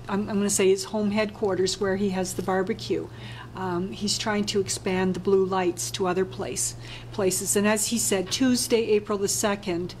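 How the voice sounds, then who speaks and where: A woman chairing a town council meeting, speaking with many fillers and restarts, with a light chatty aside. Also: medium pitch. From Canada. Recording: faint noise, council chamber.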